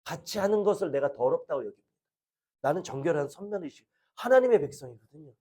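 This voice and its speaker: A man's voice: fairly high pitch, animated, fast, dark tone. A middle-aged male pastor preaching a sermon, earnestly asking the congregation questions.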